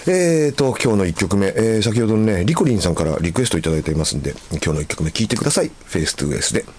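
A male radio host with a lowish voice, close on a studio microphone. His pitch swings widely as he reads listener letters and chats. His delivery is easygoing and unhurried, dotted with soft fillers and pauses. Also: lively intonation, slight background noise. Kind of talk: radio show, reading listener mail and chatting.

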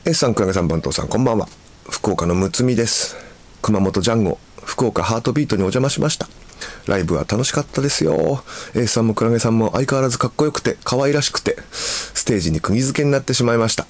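A man hosting a radio show. He reads listener mail and chats in an easygoing way, with soft fillers and pauses. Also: medium pitch, animated. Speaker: radio host.

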